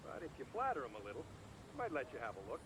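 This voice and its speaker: A man's voice: medium pitch, wildly swooping pitch, rapid-fire, noisy background. A man playing a frank, encouraging lawyer in a video game, persuasive and a little chiding. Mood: businesslike. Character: frank, encouraging male lawyer advising his client.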